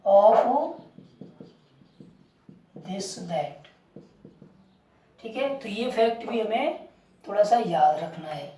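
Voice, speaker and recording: A woman teaching English grammar in a classroom-style lesson, with an Indian English accent, dictating phrases slowly and quizzing with rhetorical questions. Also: medium pitch, expressive, mellow, recorded from a distance. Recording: echoey room, voice from off the mic.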